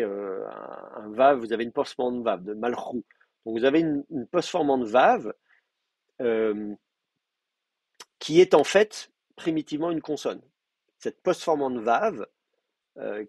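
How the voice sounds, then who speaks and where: A man lecturing a class, explaining grammar step by step and slowly repeating word forms, with many hesitations. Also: mid-range voice, darkish tone, breathy edge, no room sound. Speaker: teacher. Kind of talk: university lecture.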